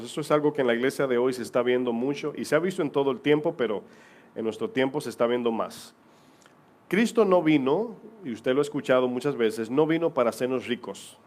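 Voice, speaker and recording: A man's voice: mid-range voice, a little mellow. A married man preaching a sermon as pastor to his congregation, reading scripture aloud and asking rhetorical questions.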